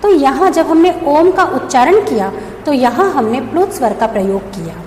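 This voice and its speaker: A woman teacher with a high, lively voice talks a class through a grammar lesson, posing questions and answering them herself. She is recorded in a roomy school space with a long echo. A faint hum sits behind her. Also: normal speed. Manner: explains step by step, asks and answers her own questions. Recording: echoey room with long reverb, faint background hum.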